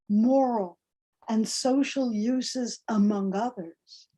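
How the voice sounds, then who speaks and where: An older woman lecturing in an online academic seminar, measured and deliberate. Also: medium pitch, dark tone, slightly rough, rough recording. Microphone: video call.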